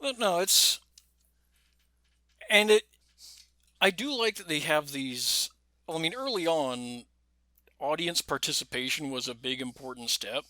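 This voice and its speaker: Podcast guy rambling casually, bright slightly high voice, dry close sound. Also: animated, measured pace, long pauses, no echo. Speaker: podcast co-host. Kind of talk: casual chat.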